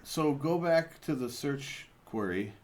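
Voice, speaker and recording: A man's voice: medium pitch, lively intonation, slow. A man co-hosting a casual podcast chat, laughing often, swearing, and explaining things to his friend. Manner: giggly, profane, explaining things. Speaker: podcast co-host.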